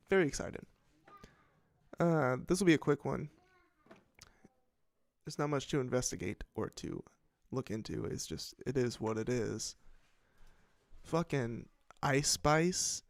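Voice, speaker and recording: On his casual commentary show, a medium-pitched podcast host reads out headlines and rambles through his reactions, swearing and breaking off to restart again and again. There's no echo on the recording.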